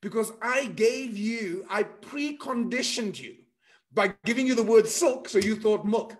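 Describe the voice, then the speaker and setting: High-voiced playful coach on a video call. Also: male voice, unhurried. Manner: playful, animated, repeats phrases. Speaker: guest speaker coach. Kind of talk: interactive online workshop talk.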